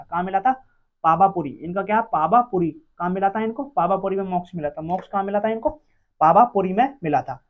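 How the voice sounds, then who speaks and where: A teacher running an exam-prep quiz lesson, asking each question aloud and answering it, repeating every answer several times. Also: medium pitch. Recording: dull lo-fi recording.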